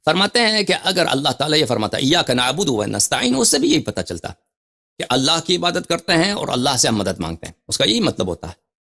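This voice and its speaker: A male religious scholar giving a lecture on scripture. He reads quoted passages slowly, then explains them with emphatic, repeated phrases. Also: a little high, sing-song, pushed and bright. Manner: repeats and restarts phrases while thinking aloud.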